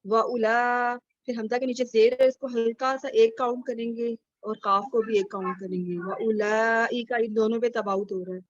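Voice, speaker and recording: A woman's voice: a little high, little pitch movement, few pauses, dry recording. A female student explaining recitation rules step by step to her teacher in an online class. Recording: dry, dull lo-fi online call audio.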